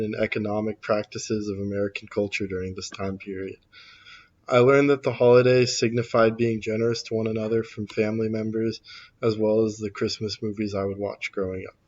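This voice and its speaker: A man reading a personal essay for a class project in an even, formal way. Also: fairly low pitch. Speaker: student presenter. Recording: dull lo-fi recording.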